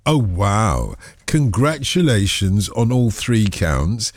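An older man hosts a radio phone-in from the studio, chatty and joking with his callers. His pitch swings lively and animated. The studio sound is close and dry. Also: slow pace, no room sound. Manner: jovial, playful, chatty with callers. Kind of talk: late-night radio phone-in chat.

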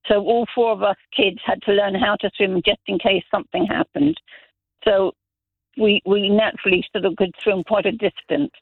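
On a tinny phone line with no echo, a middle-aged radio caller from Zambia speaks at a moderate pace in a high, creaky voice with fairly even intonation. His casual phone-in talk is a string of rambling stories marked by frequent restarts.

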